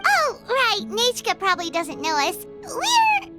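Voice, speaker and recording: A woman's voice: extremely high pitch, wildly swooping pitch, a little slow, heavily acted. A woman voicing a tiny, chirpy, curious fairy companion girl in a video game. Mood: curious, surprised. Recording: music behind the voice.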